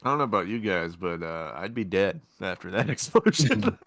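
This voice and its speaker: Low-voiced jokey guy, dry sound. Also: animated, normal speed, a bit bright, no room sound. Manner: jokey, easygoing. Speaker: podcast co-host. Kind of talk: casual chat about comics.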